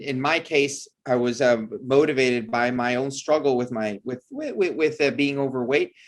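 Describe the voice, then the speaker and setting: A man from El Salvador whose first language is Spanish, a surgeon answering interview questions earnestly and enthusiastically, with frequent restarts. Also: medium pitch. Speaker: bariatric surgeon guest.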